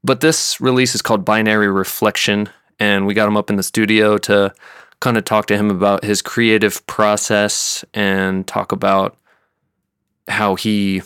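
An American man hosting a podcast in a laid-back, slangy way, with a smooth, sultry DJ-style voice. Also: on the low side, fairly bright tone, no room sound, clean studio sound. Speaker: podcast host. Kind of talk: casual podcast talk and interview.

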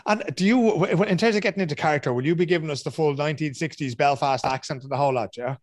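A man, hosting a relaxed, conversational interview and asking chatty questions. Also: fairly high pitch, rapid-fire. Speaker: interviewer, host.

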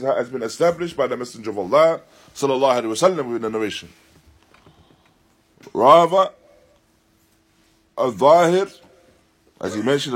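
A man of medium pitch and slightly husky tone leads an Islamic lecture at an Islamic centre, streamed live. Explaining a text, the religious teacher speaks haltingly and deliberately, repeats key points for emphasis, and recites Arabic.

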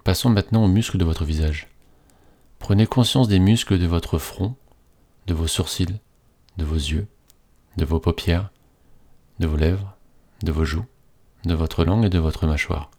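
A man reading a scripted guided relaxation in a slow, soothing, hypnotist-like manner with repetitive phrasing. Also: low-pitched, mellow.

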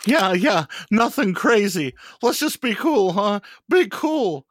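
A man's voice: high voice, sing-song, slow, a bit bright, full character voice. A man voicing a jittery, cereal-obsessed robot rabbit who pleads and wheedles. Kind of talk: cartoon voice acting.

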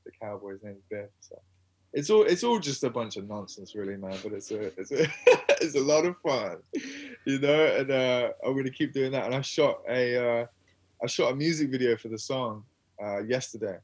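A man's voice: medium pitch, animated, moderate pace, slightly rough. A young man chatting as an interview guest, rambling and self-mocking, laughing often as he talks. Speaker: interview guest, musician and filmmaker. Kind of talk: casual interview chat.

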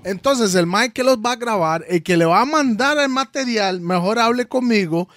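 A man's voice: high voice, lively intonation, moderate pace, a bit bright, no echo. A man with a Costa Rican accent, a podcast co-host making his case emphatically over the others. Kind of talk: casual podcast argument.

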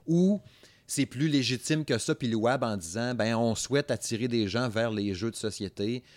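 A man's voice: mid-range voice, moderate pace, dry recording. A man from Saguenay with a Québécois French accent, hosting a casual podcast chat, talkative and laughing easily, with lots of fillers. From Saguenay, Quebec. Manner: chatty, laughing, colloquial with many fillers. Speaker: podcast host.

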